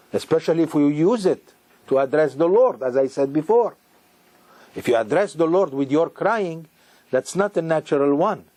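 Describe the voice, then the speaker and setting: A man giving a sermon as a rabbi, speaking with emphatic repetitions and halting restarts. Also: a little high, dark tone, dry recording.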